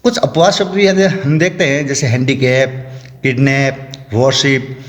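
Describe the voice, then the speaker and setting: A man teaching a lesson, slowly and methodically explaining rules and spelling out example words. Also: mid-range voice, fairly even intonation. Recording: echoey room with long reverb.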